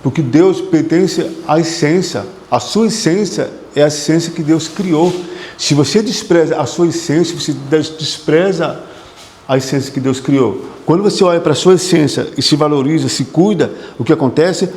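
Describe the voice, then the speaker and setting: Speaking to an audience in a hall with long reverb, a psychotherapist gives a motivational lecture with emphasis, circling back to phrases and putting questions to those present. His voice leans high, with a darkish tone, at normal speed.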